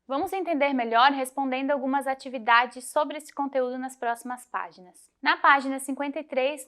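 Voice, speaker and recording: A woman teacher guiding students through a grammar lesson, clear and methodical, slowing to spell out example words. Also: sits high, a bit bright. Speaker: Portuguese teacher. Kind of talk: recorded lesson walkthrough.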